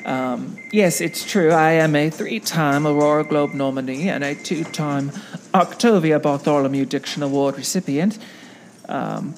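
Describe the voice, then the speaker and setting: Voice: mid-range voice, a little hiss or hum. A stage performer talking in a theatrical, grandiose, self-dramatizing way, first from a car parked in a lot and then in a small restaurant. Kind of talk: comedic mockumentary talk.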